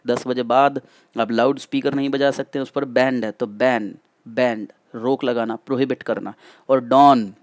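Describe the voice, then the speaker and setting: A man's voice: mid-range voice, a little mellow, no echo. Hindi-English teaching man, dry sound. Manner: explains in mixed Hindi and English, repeats and asks the class questions. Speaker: vocabulary teacher. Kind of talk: exam-prep vocabulary lesson.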